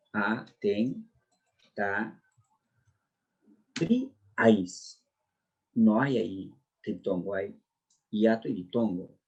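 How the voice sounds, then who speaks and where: A man teaches a pre-university exam class, drilling through language questions one at a time and walking through each answer step by step. His voice is lowish, a little mellow and husky, with vocal fry, and the highs are cut off.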